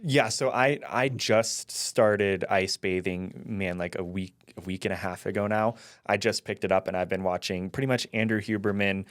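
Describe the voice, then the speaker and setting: Casting: male host, lowish voice, easygoing, dry close mic. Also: normal speed, hardly any pauses, dry recording. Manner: relaxed, agreeable, short replies. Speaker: podcast host. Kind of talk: casual conversation.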